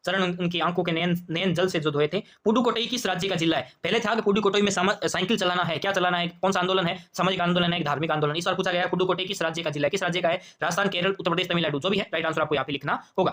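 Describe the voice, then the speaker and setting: A man whose voice sits high with a fairly bright tone goes through an exam paper as a teacher, speaking with a Rajasthani Hindi accent. He quizzes aloud, repeating questions and then answering them to himself.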